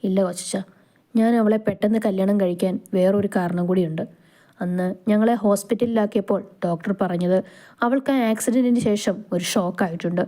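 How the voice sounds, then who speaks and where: A woman's voice: medium pitch, steady tone, fairly quick, warm tone, close to an everyday voice. A woman reading the lines of a protective, tender young groom in a storybook romance.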